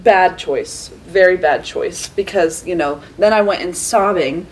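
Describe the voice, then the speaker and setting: A woman's voice: fairly low pitch, unhurried, low-quality recording. A woman librarian co-hosting a casual book chat, telling stories expressively with fillers like "uh". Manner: animated, expressive storytelling with fillers. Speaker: librarian and podcast co-host.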